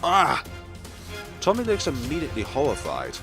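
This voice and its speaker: Hosting a let's play over music, a man with a medium-pitched voice speaks at normal speed, expressively reading a visual novel and offering casual commentary. He acts out the dialogue, laughs a little, and occasionally stumbles on words.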